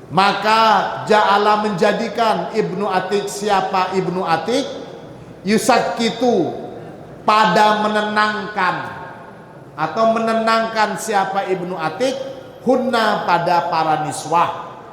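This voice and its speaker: A man's voice: high-pitched, slow, a bit bright, slight background noise. A man teaching a religious book-study lesson, reading Arabic phrases and then explaining them in casual everyday speech. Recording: echoey hall with faint ambience.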